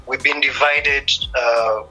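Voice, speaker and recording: Guy in his 30s, musician on a radio interview, super bright voice, slow thoughtful talk with lots of uhs, faint music behind. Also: mid-range voice, fairly even intonation, poor audio. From East Africa. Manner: thoughtful, unhurried, many pauses and fillers. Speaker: musician guest.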